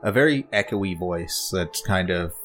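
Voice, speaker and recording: A man with a very deep voice narrates a tabletop role-playing scene as game master. He pauses often and restarts his sentences. Soft music plays faintly behind him. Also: expressive. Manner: halting, full of fillers and restarts.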